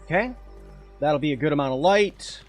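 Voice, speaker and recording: A man chats away as he plays a game on a live stream, reading and answering his viewers' questions as he goes. His voice sits a bit high for a man, and faint music plays underneath. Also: animated, moderate pace. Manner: chatty, answers chat while playing. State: eating while talking at times. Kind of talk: casual live game commentary.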